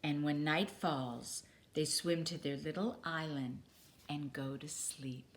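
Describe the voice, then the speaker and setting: A woman reading a children's picture book aloud with expressive, deliberate phrasing. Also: low voice. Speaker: storybook reader.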